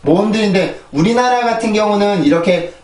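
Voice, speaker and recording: A man's voice: high voice, a little fast, darkish tone. A man teaching English pronunciation in a lecture, explaining sounds and repeating them in drills, often checking in with his listeners. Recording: echoey room, voice a bit distant from mic.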